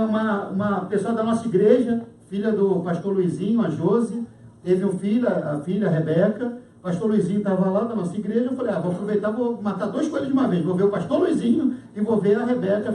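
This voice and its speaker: A man with a Brazilian Portuguese accent preaching a sermon, telling stories animatedly and acting out dialogue. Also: high voice. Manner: animated storytelling, acts out dialogue with laughter. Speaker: pastor. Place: church hall. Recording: echoey church hall, from a distance.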